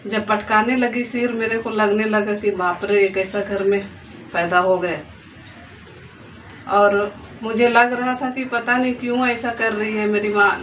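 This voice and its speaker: A woman's voice: medium pitch, fairly even intonation, a little slow, fairly bright tone. A woman in her thirties, a mother of two daughters, telling her story and pleading earnestly, repeating phrases as she speaks. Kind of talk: emotional personal testimony to camera. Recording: distant, dull lo-fi phone audio with faint noise.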